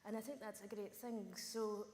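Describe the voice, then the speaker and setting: A woman's voice: medium pitch, level tone, moderate pace, darkish tone. A young woman with a Hebridean Scottish accent, speaking off the cuff as a rural youth panellist. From Outer Hebrides, Scotland. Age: young adult. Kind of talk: unscripted panel discussion. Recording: echoey hall, noticeable room noise.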